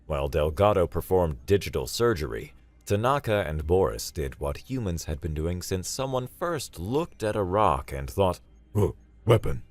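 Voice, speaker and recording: A man's voice: low-pitched, sing-song, moderate pace, dry recording. A man narrating a sci-fi audiobook story in a dry, wry storytelling manner.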